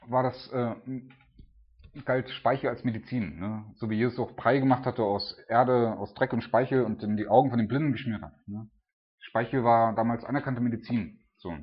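A man's voice: medium pitch, breathy edge, highs cut off. A middle-aged father talking informally through a Bible passage, with lots of filler words. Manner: chatty, many fillers like "ne" and "so". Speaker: Bible teacher.

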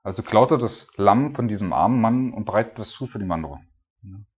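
A man retelling a Bible story in a casual, conversational way. He often ends his points with a questioning "ne?" and often lets his voice drop quiet. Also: fairly low pitch, expressive, fast talker, husky, lo-fi sound.

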